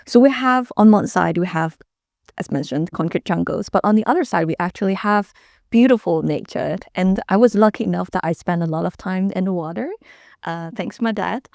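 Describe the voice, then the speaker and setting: A woman in her thirties from Hong Kong speaks on a panel as a founder. Her voice is lowish with a gravelly edge, and she tells her story in a measured, thoughtful way. The sound is dry and close. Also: darkish tone, dry recording. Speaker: startup founder and CEO. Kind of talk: panel conversation.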